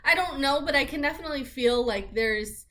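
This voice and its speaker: A woman's voice: sits high, fairly quick, fairly bright tone. A young adult woman chatting casually and informally in a rambling vlog style, peppering her talk with "like". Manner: chatty and informal, heavy use of "like". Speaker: vlogger giving a pregnancy update.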